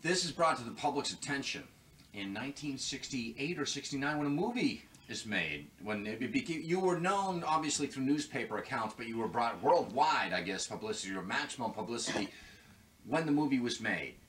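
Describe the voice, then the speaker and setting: A man interviewing a guest in a casual, halting way with frequent restarts. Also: mid-range voice, big pitch swings, fairly bright tone, low-quality recording. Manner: halting, restarts often, fills with uh. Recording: off-mic with faint background noise.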